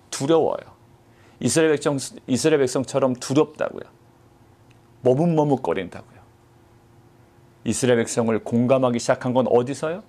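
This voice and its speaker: A man preaching a sermon as pastor, asking the congregation rhetorical questions and stressing key words by slowing down. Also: mid-range voice, darkish tone. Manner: rhetorical questions, quoting God in a mock-gruff voice.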